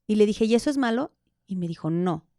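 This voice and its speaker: A woman, a podcast guest telling candid personal stories in an animated way, acting out the dialogue. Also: medium pitch, fairly quick, no room sound, studio quality. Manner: animated, laughs often, acts out quoted dialogue. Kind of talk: candid conversational storytelling.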